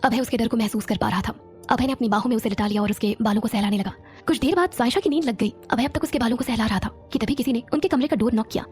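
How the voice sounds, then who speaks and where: A woman narrating a romantic audio series in a steady storytelling manner. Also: a little high, quick pace, soft background music.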